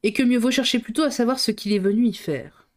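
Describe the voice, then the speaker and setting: A woman doing a calm, kindly old detective. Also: a little high, fast talker, voice pushed up, close to an everyday voice. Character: calm kindly older male detective, a father.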